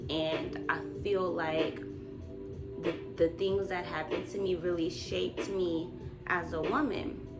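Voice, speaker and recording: Loud music sits behind this twenty-something vlogger as she talks to her viewers in a slangy, confessional way, pausing to find her words. She speaks slowly in a fairly low, steady voice.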